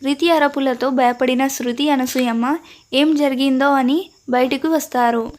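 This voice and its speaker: A woman's voice: sits high, steady tone, measured pace. A woman with a Telugu accent narrating a family story and reading each character's lines in her own voice.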